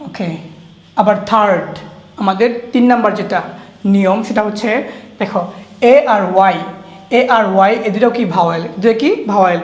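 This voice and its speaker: A woman with a medium-pitched, darkish voice gives a classroom-style phonics lesson on English pronunciation in an echoey room. She repeats each word several times, patiently draws out the spelling of letters, and quizzes her listeners.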